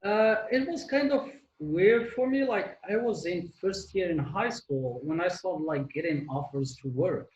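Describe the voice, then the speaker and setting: A Moroccan man appears as a guest artist in a casual interview chat, rambling with many fillers and restarts. His voice sits high and unhurried with few pauses, on a muffled recording with echo. English isn't his first language, and French is his second.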